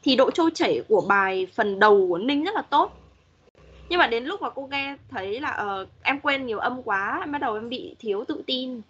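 A woman's voice: on the high side, lively intonation, normal speed, fairly bright tone, husky, muffled recording. A woman English teacher giving patient, corrective feedback to students in an online class, modeling pronunciation as she goes.

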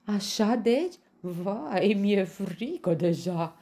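A woman's voice: big pitch swings, warm tone, husky, exaggerated voice. A woman voicing a boastful male lion in a storybook, who mocks and then yelps shrilly. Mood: mocking. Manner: gloating laughter turning to shrill yelps.

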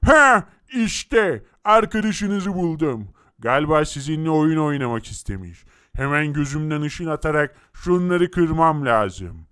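A man's voice: fairly high pitch, fairly bright tone, clear, resonant tone. A man voicing a cheerful superhero who narrates his own rescue moves in a boastful way.

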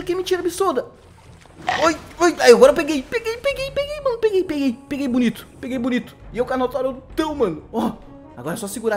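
A young man with a Brazilian accent giving excitable, slangy live commentary over gameplay and laughing often. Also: extremely high pitch. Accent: Brazilian Portuguese. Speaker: gaming YouTuber.

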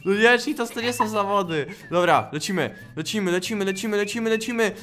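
Gaming YouTuber, male, excitable and shouty, playful let's-play commentary. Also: sits high, fast talker. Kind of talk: gameplay commentary.

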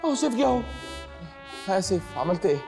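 A whiny dimwit. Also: male voice, high voice, big pitch swings, very fast, vocal fry, music in the background, exaggerated voice. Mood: whiny bumbling. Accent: Egyptian Arabic. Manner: whiny, pleading. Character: dim-witted childish young man.

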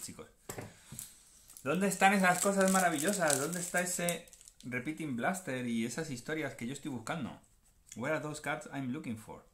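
Lively bright-voiced Spanish man chatting. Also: medium pitch. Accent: Spanish from Spain. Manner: chatty and playful, often joking and self-mocking. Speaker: card unboxing channel host. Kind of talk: casual unboxing commentary, switching between Spanish and English.

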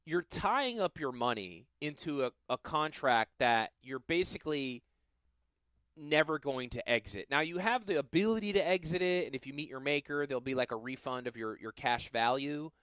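A man's voice: mid-range voice, no room sound. Southern guy, middle-aged, chatty radio money talk, dry studio sound. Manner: animated, self-deprecating, quick asides. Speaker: financial planner, radio show host. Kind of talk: casual radio chat and explanation.

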